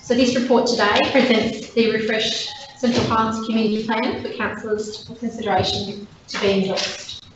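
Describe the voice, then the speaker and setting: Hoarse Australian woman presenting in an echoey chamber. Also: a little high, level tone. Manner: halting, with many fillers. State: losing her voice, wavery. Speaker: council officer. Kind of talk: presenting a report at a council meeting. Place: council chamber. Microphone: desk microphone from a distance. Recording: echoey, distant, dull, noisy room recording.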